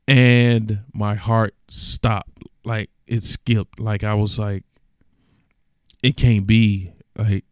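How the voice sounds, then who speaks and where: A man's voice: mid-range voice, a little mellow, clean tone, no room sound, studio quality. A young man telling a personal story in an earnest, emotional way, with casual slang, as if to a podcast audience. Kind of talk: personal reflective monologue.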